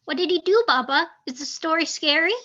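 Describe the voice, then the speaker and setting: A woman's voice: high-pitched, fairly quick, sharp tone, dull audio. A woman voicing a very young child at bedtime in a script table read, full of eager questions.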